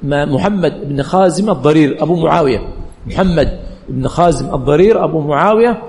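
A man's voice: fairly high pitch, a little fast, darkish tone, in a large hall. A male religious teacher giving a classroom lecture, quizzing the students with questions that he answers himself and repeating key phrases.

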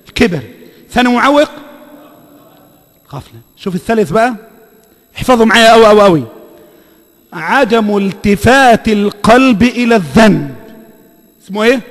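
An Egyptian man gives a sermon in a very high voice, stressing points by repeating them and quizzing the crowd for answers. His voice rings with a long reverb from the hall. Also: fairly bright tone. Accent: Egyptian Arabic. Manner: emphatic, repeats phrases, quizzes the audience. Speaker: preacher.

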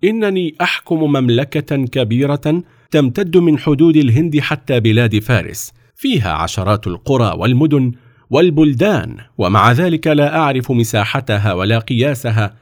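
A man's voice: medium pitch, expressive, moderate pace, no room sound, clean studio sound, voice pushed up, close to an everyday voice. A man voicing a powerful, curious sultan in a storybook reading, speaking in a commanding, questioning way.

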